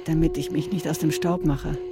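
A woman's voice: low-pitched, steady tone, moderate pace. An actress playing a young daughter who pleads tenderly with her dying mother in a radio play. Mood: pleading. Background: music.

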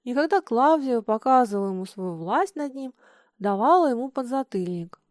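Brief: woman narrator, animated storybook reading, bright tone, dry mic. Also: fairly high pitch, normal speed, no echo.

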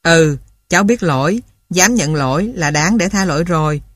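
A woman voicing a kind, forgiving old grandmother in a storybook audiobook, speaking softly and patiently. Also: on the low side, expressive, normal speed, no room sound, clean studio sound. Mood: tender.

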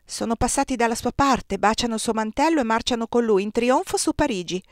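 A woman's voice: a little high, a little fast, no echo, studio quality, natural voice. Woman reading a suave, courteous police chief. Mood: calm. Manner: calm and polite. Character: suave, courteous older male police minister.

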